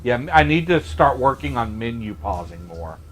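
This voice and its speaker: A man's voice: mid-range voice, moderate pace, music in the background. Brief: young adult man, easygoing let's-play co-host, talky and reactive. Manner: relaxed, chatty, reacts aloud to the game. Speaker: gameplay commentator. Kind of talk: casual gameplay commentary.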